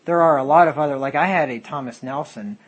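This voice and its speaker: A man's voice: on the high side, fast talker, breathy edge, dull audio. A man, a pastor, teaching a Bible study sermon, reading King James verses aloud and explaining them.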